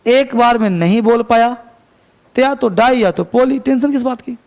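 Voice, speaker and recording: Male grammar teacher, high gravelly voice, dictates definitions slowly, quizzes the class. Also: a little mellow. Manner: asks students rhetorical check questions. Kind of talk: classroom lecture.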